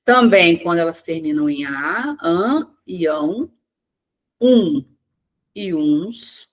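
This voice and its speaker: A woman teaching an exam-prep lesson online, working through questions word by word, asking and answering her own questions and stretching key words out slowly. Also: fairly low pitch, lively intonation. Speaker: Portuguese teacher.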